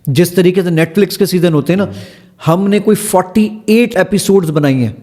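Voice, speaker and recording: A man's voice: high-pitched, warm tone. A man, the founder of an app, eagerly explaining and demonstrating its features step by step as a podcast guest. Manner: eager, stepping through features one by one.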